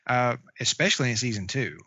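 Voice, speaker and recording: A man co-hosting a casual chat about comic book shows, halting and full of fillers and restarts. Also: medium pitch, animated, pushed and bright, no room sound. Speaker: podcast co-host. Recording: dry, dull lo-fi sound.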